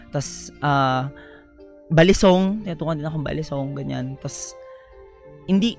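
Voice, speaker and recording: Young man, radio guest, soft-spoken, polite, slightly high voice, mixes in English, faint music behind. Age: young adult. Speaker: guest telling his life story. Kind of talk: personal storytelling interview.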